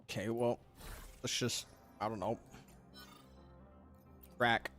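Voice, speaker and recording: A man's voice: mid-range voice, flat delivery, slow pace, fairly bright tone, soft background music. A man livestreaming a video game, chatting casually, thinking aloud and swearing in slang as he plays. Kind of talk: casual live gaming commentary.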